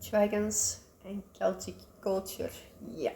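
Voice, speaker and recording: Slow, rambling woman. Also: medium pitch, steady tone, vocal fry, slight background noise. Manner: rambling, many ums, soft asides. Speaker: cross-stitch vlogger. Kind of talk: casual show-and-tell chat.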